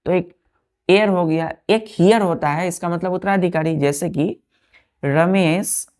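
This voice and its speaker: Low-voiced woman teacher, indian english accent, slow, keeps repeating words and asking if it's clear. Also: darkish tone. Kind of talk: vocabulary lesson, explaining word by word.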